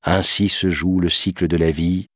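A man reading a storybook aloud in a calm, measured narration. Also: sits low, slightly rough, no room sound, clean studio sound.

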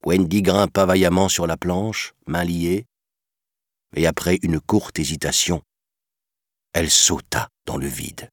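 Storybook narrator: a man with a very deep, husky voice, slow and lively in tone, dry sound. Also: no echo. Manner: expressive, measured storytelling. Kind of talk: storybook reading.

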